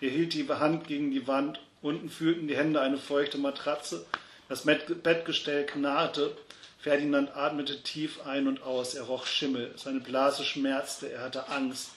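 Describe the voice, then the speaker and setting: A man's voice: fairly high pitch, level tone, measured pace, slight background noise. Man reading a story in an echoey room. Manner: shouts the characters' angry lines. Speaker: reader. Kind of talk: reading fiction aloud.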